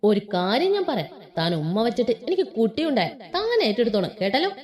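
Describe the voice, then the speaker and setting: A woman's voice: a little high, sing-song, a little fast, darkish tone. A woman voicing a feisty, melodramatic young woman who scolds and complains. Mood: indignant. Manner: indignant, wailing, melodramatic. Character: feisty dramatic young woman, hot-tempered.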